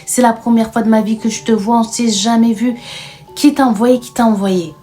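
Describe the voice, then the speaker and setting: A woman's voice: fairly high pitch, level tone, brisk, warm tone, pitched above the performer's own voice, close to an everyday voice. A woman voicing a distraught young wife, pleading with desperate repeated questions in a raised voice.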